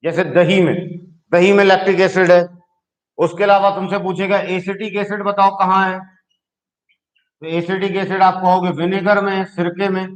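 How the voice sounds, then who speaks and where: This chemistry teacher has a high voice that stays fairly flat and moves at a moderate pace, and the recording is rough. He explains each step patiently and keeps asking "ठीक है" to make sure the class is with him.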